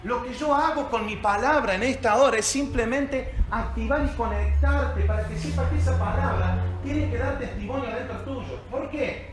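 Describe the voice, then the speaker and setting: A male pastor preaching a sermon in church, slowing down to stress key phrases. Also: extremely high pitch, faint music behind.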